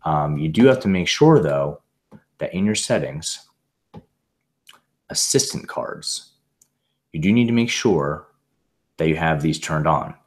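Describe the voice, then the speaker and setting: A very low-pitched man with a slightly hoarse voice, recovering from laryngitis, presents a casual screen-share tutorial demonstrating software. He is an adult with a young son and rambles with many fillers and restarts. The audio comes through a video call mic.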